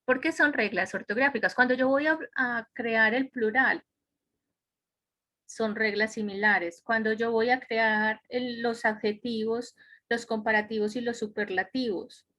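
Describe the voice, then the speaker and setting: A woman teaches English grammar online, her fairly high, sharp voice steady in tone and a little slow. She works through the material step by step and checks on her students, picked up by a computer microphone on a video call.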